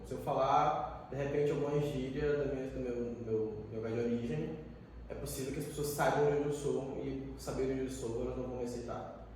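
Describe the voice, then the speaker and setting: In an echoey room with a distant mic and a bit of hiss or hum, a man in his twenties speaks in a slightly mellow, mid-range voice. He's a youth educator, thoughtful and sincere in a casual conversation, and he uses lots of fillers.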